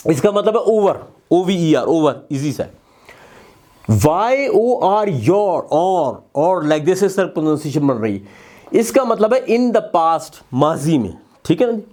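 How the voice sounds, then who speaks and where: High-voiced male teacher spelling out words. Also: a little mellow. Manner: spells words letter by letter, mixes in English, hesitant restarts; addresses viewers politely as students. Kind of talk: classroom explanation.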